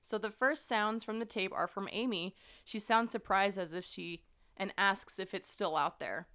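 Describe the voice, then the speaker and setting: A woman's voice: medium pitch, normal speed, bright, forceful tone. A woman hosting a podcast, casually recounting a true-crime story with plenty of fillers and an earnest tone. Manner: conversational, many fillers, earnest. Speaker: podcast host.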